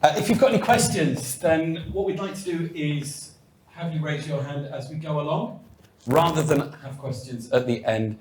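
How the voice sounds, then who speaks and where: A man's voice: fairly high pitch, moderate pace, a little mellow, slight background noise. A man hosting a live on-stage interview before an audience. He gives formal, welcoming introductions and puts questions to his guest. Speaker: host.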